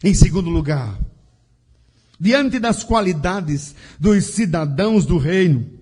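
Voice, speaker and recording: A man preaching a sermon in a slow, emphatic style with a sing-song cadence. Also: very high-pitched.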